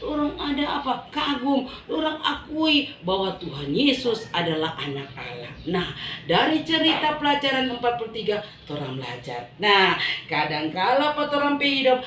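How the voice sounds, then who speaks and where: A woman with a Manado Malay accent telling a Bible story to children in an animated way, often asking them questions. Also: high voice, normal speed, echoey room. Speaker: Sunday school teacher.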